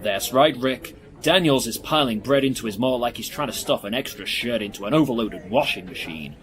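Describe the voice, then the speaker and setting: Brief: British man as excitable co-commentator, mid-pitched voice, punchy hyperbole. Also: fairly quick, lightly acted. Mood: hyped. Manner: hyped, punchy commentary with big exclamations. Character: male sports co-commentator Dan, excitable and hyperbolic. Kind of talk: comedy sketch sports commentary.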